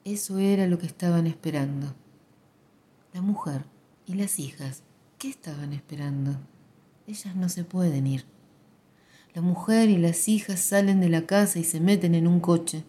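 A woman narrator, reading a literary text in a quiet, measured way. Her voice is low-pitched and dark, with a mellow warmth.

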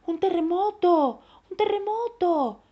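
A woman voicing three brave little children in a storybook reading, chanting their lines loud and proud. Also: mid-range voice, big pitch swings, slow pace. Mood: excited. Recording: dull lo-fi recording.

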